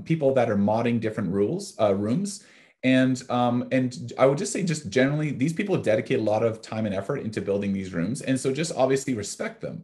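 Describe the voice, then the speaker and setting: A man's voice: medium pitch, darkish tone. Casual man giving webinar tips. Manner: casual, filler-heavy explaining. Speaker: host, marketing agency CEO. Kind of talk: webinar presentation.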